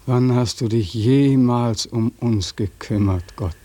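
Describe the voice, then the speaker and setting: A man's voice: mid-range voice, slow pace, warm tone, no room sound. An actor playing a bitter young war veteran who accuses God and mocks people while dreaming of his own death. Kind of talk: radio play acting.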